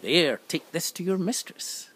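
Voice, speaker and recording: A man's voice: on the high side, lively intonation, measured pace, a little hiss or hum. A man doing a kindly old winter spirit. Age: older. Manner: gentle, helpful.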